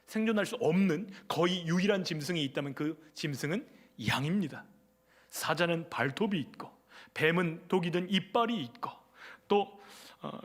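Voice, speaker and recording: Higher-voiced male pastor preaching. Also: fairly bright tone. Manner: conversational, asks the congregation questions. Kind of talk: Sunday sermon. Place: church sanctuary.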